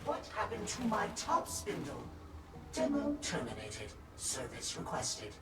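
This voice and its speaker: A glitching robot booting up. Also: female voice, wildly swooping pitch, measured pace, roomy sound, distant mic, heavy background noise, heavily acted. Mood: glitchy sales pitch. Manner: chirpy scripted sales pitch that glitches and stalls. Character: malfunctioning sales-demo navigation robot booting up.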